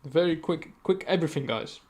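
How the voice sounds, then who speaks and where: A male esports caster gives rapid play-by-play of a live match, tripping over words and correcting himself. His voice is a little higher than most men's, and he drops chatty asides and sudden excited outbursts.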